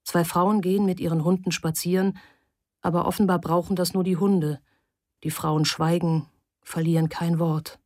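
A woman narrating a story in a calm, even, measured scripted reading. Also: lowish voice, no echo, studio quality. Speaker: audiobook narrator.

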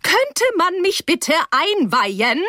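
A woman voicing a frosty, pompous female English teacher who speaks in a clipped, icy and slow way. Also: high voice, expressive, a bit bright, dry recording, studio quality, voice pushed up. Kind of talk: audiobook character voice.

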